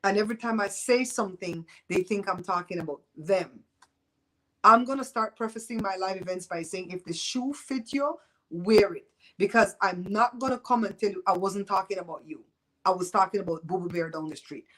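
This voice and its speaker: On a live show, a fifty-something Belizean host with a Creole accent chats frankly with viewers, trading gossip and laughing often. Her voice is mid-range at a normal speed, captured in poor-quality audio.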